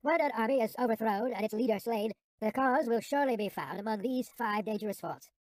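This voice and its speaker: A sped-up helium chipmunk voice delivers scripted audiobook narration. The reading is brisk and formal, with phrases that drop at the end. The sound is dry, with no room around it. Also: mid-range voice, dry recording.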